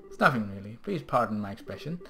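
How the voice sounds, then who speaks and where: A man voicing a polite, gentle old village elder from a video game. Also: lowish voice, expressive, quick pace, vocal fry, slight background noise, pitched below the performer's own voice. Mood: kindly.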